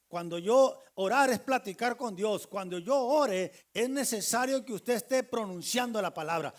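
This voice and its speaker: A male pastor preaching a sermon, retelling stories and speaking straight to his listeners. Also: high-pitched. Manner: storytelling preacher addressing the congregation directly.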